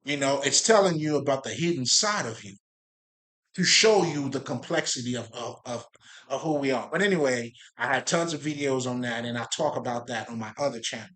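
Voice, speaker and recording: A spiritual video creator from Haiti rambles casually and profanely to his viewers about spirituality, often breaking off to laugh and repeat himself. His voice is medium-pitched, a bit bright and a little fast.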